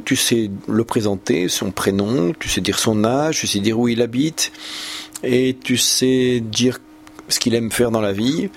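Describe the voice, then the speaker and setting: Patient teacher giving feedback. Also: male voice, medium pitch, gravelly, breathy edge. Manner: patient, encouraging, many hesitations. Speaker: German teacher giving spoken feedback to a student. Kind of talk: spoken feedback recording.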